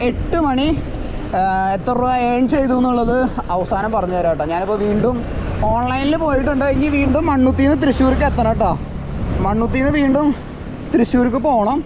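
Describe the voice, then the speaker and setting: High-pitched young Thrissur man mixing in English. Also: a little fast, lo-fi sound. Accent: Thrissur Malayalam. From Kerala, India. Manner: mixes English words into Malayalam. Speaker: vlogger and food delivery rider. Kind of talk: casual vlog chat to viewers. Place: outdoors on the road at night. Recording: noisy outdoor street and vehicle sound.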